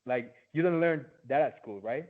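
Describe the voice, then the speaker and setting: This late-teen Mexican man speaks at a medium pitch and normal speed, his Mexican Spanish accent marking him as a native Spanish speaker. As an interviewee and former student on a video call, he chats loosely through the questions with lots of "like" fillers, and the audio has a thin, phone-line quality.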